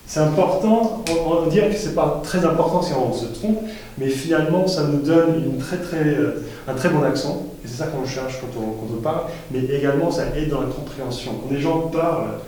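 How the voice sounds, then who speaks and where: A man teaching a lesson at a board, pausing often with fillers and restarting his phrases. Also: a little high, dark tone, slight background noise. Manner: hesitant, many euh fillers and restarts. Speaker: English teacher. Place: classroom with a board. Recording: echoey room, mic far off.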